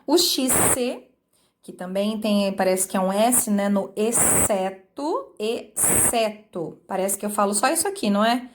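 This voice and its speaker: A woman teacher with a Brazilian accent gives a lesson to her students at a medium pitch. She draws out example words slowly, sounding them out. She keeps asking short checking questions to make sure the class is following. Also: a little hiss or hum. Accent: Brazilian Portuguese. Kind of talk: online class explanation.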